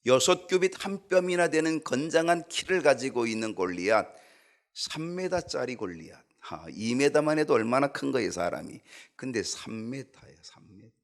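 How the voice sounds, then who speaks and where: A man preaching a sermon as a church pastor, swinging from loud emphatic peaks to hushed low asides and briefly voicing the people in his story. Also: animated, moderate pace. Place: church sanctuary.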